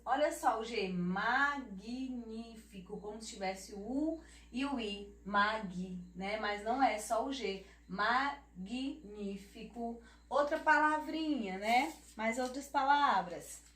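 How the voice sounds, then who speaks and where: Brazilian woman, primary teacher, slow and drawn-out, affectionate auntie manner, somewhat high voice, echoey room, distant mic. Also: lively intonation, a bit bright. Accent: Brazilian Portuguese. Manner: slow, drawn-out word spelling with tag questions; affectionate teacher talk, calls herself auntie. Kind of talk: children's lesson.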